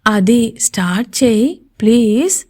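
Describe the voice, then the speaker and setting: A woman's voice: on the high side, animated, slow pace, a little mellow. A woman playing a coaxing young lady CEO. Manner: coaxing, mock-jealous. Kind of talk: audio story voice acting.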